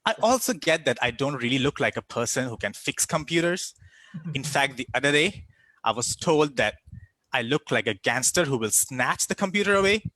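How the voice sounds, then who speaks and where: Husky, lively-voiced man from India. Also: medium pitch, moderate pace, no echo, low-quality recording. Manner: self-mocking, chuckles at his own jokes. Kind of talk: humorous stand-up speech.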